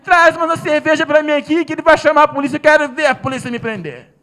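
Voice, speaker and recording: A Brazilian man voicing a rude, haughty woman at a restaurant who shouts with contempt, quoted in his spoken story. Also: extremely high pitch, fast, pitched above the performer's own voice. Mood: haughty shouting.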